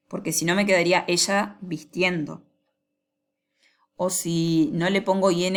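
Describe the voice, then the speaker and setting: A woman walks students through a grammar lesson. Her voice sits a little low and carries a gravelly edge. She talks patiently and slows down whenever she reads out an example. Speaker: English teacher.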